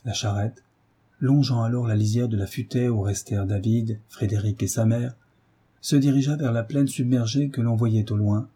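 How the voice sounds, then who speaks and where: A man reading a novel aloud as an audiobook narrator, measured and dramatic. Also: medium pitch, steady tone, warm tone, slightly rough. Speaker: audiobook reader. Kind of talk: scripted narration.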